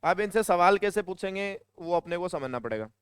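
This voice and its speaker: A male teacher with a Hindi accent lectures his class and drifts into chatty anecdotes, now and then scolding the students. His voice sits fairly high and sounds smooth and crisp. The recording is dry and close, with little room sound. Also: animated, a little fast, no echo.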